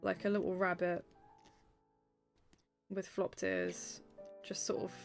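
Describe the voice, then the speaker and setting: A woman's voice: on the low side, flat delivery, slow, gravelly, faint music behind. A woman streamer chatting casually while she draws, reading out chat messages, with lots of ums and small laughs.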